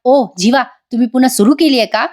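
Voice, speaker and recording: A touchy young wife snaps back with indignant, quick questions, as a woman reads her lines. Her voice is a little high and light. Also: darkish tone, close to an everyday voice. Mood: annoyed.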